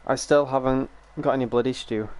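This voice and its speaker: Gaming on stream, a young man talks casually, wandering from topic to topic and complaining, his voice slightly strained as his sore throat recovers. He speaks briskly at medium pitch, keeping a steady, darkish tone.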